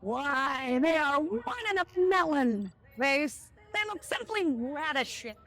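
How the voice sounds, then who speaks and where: Lunch Lady, high-pitched peppy heroine. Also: animated, slow pace, fairly bright tone, heavily acted. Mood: delighted. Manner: hammy, exclamatory, food-pun exclamations. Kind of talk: live comic audiobook-style skit.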